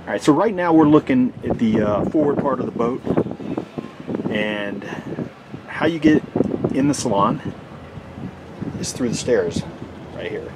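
A man giving a casual walkthrough of his sailboat from behind the camera, relaxed and halting with lots of fillers. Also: mid-range voice, very noisy. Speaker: boat owner giving a tour. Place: inside a sailboat cabin. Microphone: handheld camera mic, speaker off camera.

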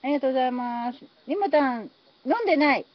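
Building something on a phone live stream, a woman talks casually and thanks her viewers for commenting. She speaks quickly and expressively in a high voice, with no room sound, though the stream audio is a bit dull with faint noise.

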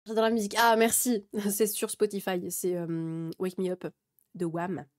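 A woman's voice: mid-range voice, little pitch movement, moderate pace. A woman in her twenties streaming and talking heatedly to her chat, swearing freely and restarting her sentences often. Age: 20s. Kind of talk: casual rant to chat.

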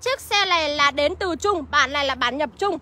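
A woman's voice: high voice, lively intonation, moderate pace, sharp tone. A woman with a Northern Vietnamese accent livestreaming from a used car lot, chattily rattling off car features and prices. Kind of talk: livestream sales pitch.

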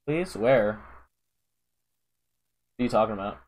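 A man's voice: on the low side, lively intonation, a little slow, darkish tone. A young man casually live-streaming a game, rambling to his chat with lots of fillers, calling out viewers' names and saying "bro".

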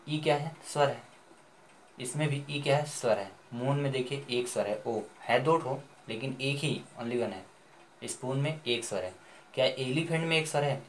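A man's voice: mid-range voice, a little hiss or hum. A man teaching a grammar lesson, asking questions and answering them himself, spelling words letter by letter.

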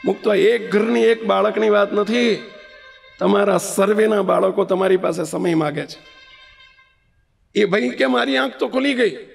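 A man's voice: high voice, a little slow, gravelly, long pauses, husky, soft background music. A man, a spiritual leader, giving a storytelling sermon and putting rhetorical questions straight to his listeners. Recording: long reverb of a large hall.

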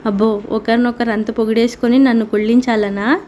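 A woman's voice: on the high side, flat delivery, brisk, mellow, a little hiss or hum, natural voice. A woman reading the lines of a proud, teasing rich woman who is a little jealous, in a storybook. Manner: teasing, provoking.

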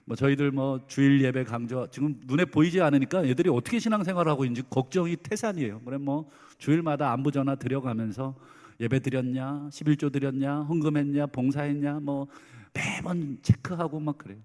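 A middle-aged man preaching a Sunday sermon as senior pastor, lively and dramatizing the voices of parents and children. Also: mid-range voice, fairly quick. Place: church sanctuary. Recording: long hall reverb.

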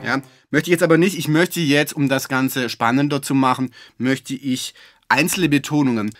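A man giving a relaxed, chatty music-software tutorial, with fillers and self-corrections. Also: mid-range voice, normal speed, no echo, studio quality. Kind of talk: screen-recorded software tutorial.

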